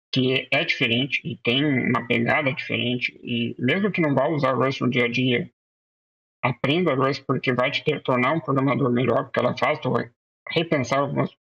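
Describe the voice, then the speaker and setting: A man's voice: mid-range voice, gravelly, fairly bright tone, husky, highs cut off. A man speaking as a podcast guest, giving hesitant, modest closing remarks with many fillers over a remote call. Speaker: podcast guest, tech executive.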